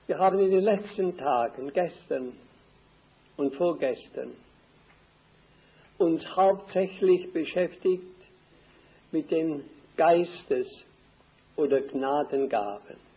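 An older man preaching a sermon slowly and deliberately, repeating key phrases for emphasis. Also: on the high side. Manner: slow, deliberate, emphatic repetition. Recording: tinny phone-like old recording.

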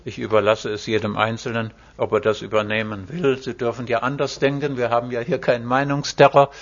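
A man preaching a sermon, expounding the Bible with emphasis and reading scripture slowly and solemnly. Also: medium pitch, little pitch movement. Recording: dull lo-fi recording.

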